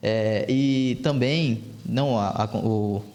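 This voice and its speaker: A man's voice: mid-range voice, takes it slowly, a little mellow. Affirming young Brazilian male interviewer. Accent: Brazilian Portuguese. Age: 20s. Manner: affirming, many short agreements.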